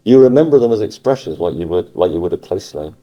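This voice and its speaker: A man with a Cornish West Country accent talks casually in a deep, very mellow and dark voice. He is halting, often repeating a phrase to press it home. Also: animated. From Cornwall, England. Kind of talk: casual conversation about dialect. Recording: muffled cassette recording.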